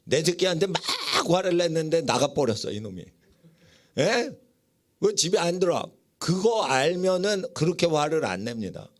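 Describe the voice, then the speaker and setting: A male pastor giving a sermon in a church, emphatic, often asking the congregation questions and answering them himself. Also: on the high side. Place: church sanctuary.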